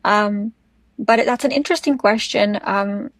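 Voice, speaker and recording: A South African woman with an Afrikaans accent and Afrikaans as her first language, speaking thoughtfully and haltingly as an interview guest. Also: mid-range voice, no echo. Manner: thoughtful, halting, searching for words. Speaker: podcast guest. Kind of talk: reflective interview conversation.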